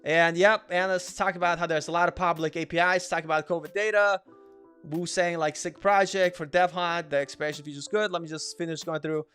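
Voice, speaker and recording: This developer livestream host, a Russian man with a slight accent, runs a relaxed Q&A where he chats with viewers, reads their comments aloud, and says things more than once. He speaks a little fast in a steady, smooth, fairly bright, slightly high voice over soft background music.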